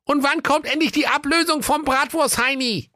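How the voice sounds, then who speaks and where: A brash little schnitzel hero pipes up in a squeaky, cocky falsetto. He talks with bold, mocking swagger and a sharp, bright edge. The sound is dry and close, a comic storybook voice. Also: moderate pace, no room sound. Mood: cheeky.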